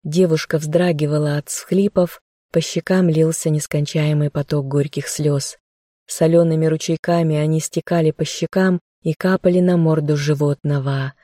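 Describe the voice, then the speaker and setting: A woman calmly narrating a fairy-tale novel as an audiobook. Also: low-pitched, moderate pace, no echo, clean studio sound.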